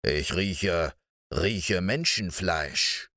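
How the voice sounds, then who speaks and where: A man voicing a greedy, menacing man-eating giant in a storybook reading, speaking low and slowly. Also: pushed and bright, no room sound, studio quality, exaggerated voice. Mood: sniffing, menacing. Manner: low, slow and sniffing.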